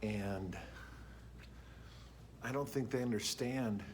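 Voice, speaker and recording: Deep-voiced man musing in a vlog. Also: slow pace, slight background noise. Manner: chatty, thoughtful, musing aloud. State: a little out of breath. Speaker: band director vlogger. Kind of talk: casual vlog chat.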